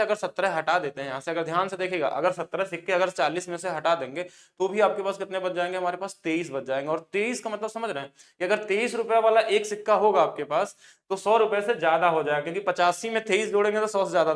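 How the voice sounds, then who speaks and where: A man teaching an exam-prep maths lesson, explaining briskly and coaxing students to look closely at each step. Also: high voice.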